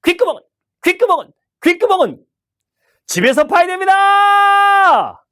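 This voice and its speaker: Man playing a loud, pushy subway hawker, high and lively, barking rhetorical questions at passengers. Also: fast. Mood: hawking. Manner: booming sales pitch, rhetorical questions. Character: loud pushy male subway peddler hawking a gadget.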